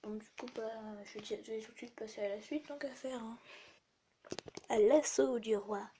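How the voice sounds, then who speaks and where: A teenage girl with a hoarse voice, chatting casually and rambling with many fillers as she shows her collection. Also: a little high, moderate pace, a little hiss or hum. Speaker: vlogger. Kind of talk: casual chat. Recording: loud background music.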